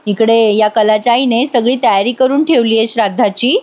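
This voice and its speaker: A woman's voice: a little high, normal speed. A woman narrating a casual, chatty recap of a TV serial episode. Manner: chatty, amused.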